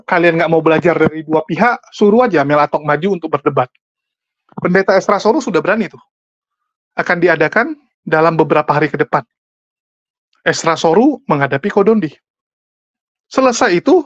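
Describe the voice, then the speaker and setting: A man's voice: high voice, no room sound. A man giving argumentative online commentary on a religious dispute, talking straight to his audience and pressing them with rhetorical questions. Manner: combative, fires rhetorical questions at listeners; addresses the audience directly and repeatedly. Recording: dull lo-fi, dry close sound.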